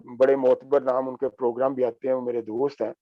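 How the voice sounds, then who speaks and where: A man giving a reflective talk full of anecdotes, pausing often with filler sounds and slipping in English terms. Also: mid-range voice, level tone, no room sound, faint music behind. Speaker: speaker on books and reading. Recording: dull lo-fi sound.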